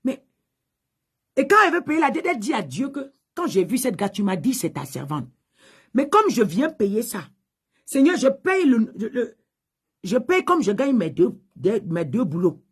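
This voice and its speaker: A woman pastor preaching a sermon, telling a testimony with loud high exclamations and low hushed asides. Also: sing-song, normal speed. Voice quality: husky.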